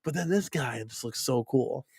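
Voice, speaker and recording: A man's voice: medium pitch, moderate pace, vocal fry, darkish tone, slightly rough, no room sound, clean studio sound. A man hosting an arcade-collecting live stream, chatting casually and rambling, with lots of "right?" and "like" and repeated words. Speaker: arcade collector vlog host.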